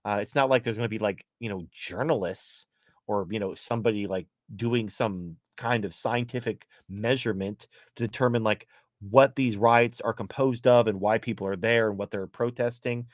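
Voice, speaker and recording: A man's voice: fairly low pitch, moderate pace, no room sound, studio quality. A man as a podcast guest, ranting bluntly in casual political chat, swearing often and restarting his sentences.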